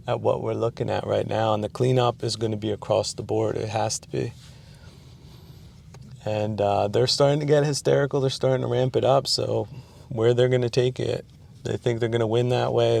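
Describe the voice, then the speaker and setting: Gravelly, halting man ranting to camera. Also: medium pitch, darkish tone. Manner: rambling, halting, many fillers and restarts. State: losing his voice, clearing throat. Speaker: channel host. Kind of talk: rambling political monologue.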